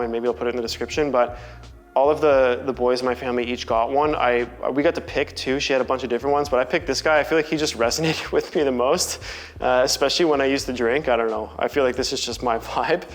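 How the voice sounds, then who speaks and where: A young man, casually talking through a tour of his loft apartment in a relaxed way, with lots of filler words. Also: medium pitch. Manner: chatty, relaxed, full of "like" and "um" fillers. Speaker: vlogger giving a home tour. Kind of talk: casual home tour talk. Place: large loft apartment indoors.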